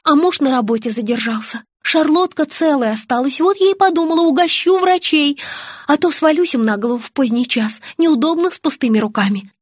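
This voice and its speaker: A woman's voice: high voice, steady tone, brisk, few pauses, a little mellow, no echo, clean studio sound, voice pushed up, lightly acted. Woman playing a plaintive, flustered auntie. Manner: plaintive, fussy, apologetic. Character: flustered middle-aged auntie with toothache, timid.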